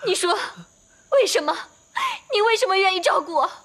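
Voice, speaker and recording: A woman's voice: very high-pitched, expressive, brisk, exaggerated voice. An actress playing a distraught young fox spirit woman who is ashamed of how she looks, speaking tearfully and bitterly in a TV drama. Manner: tearful, pleading, flares into shouting. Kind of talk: TV drama dialogue. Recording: loud film score behind dialogue.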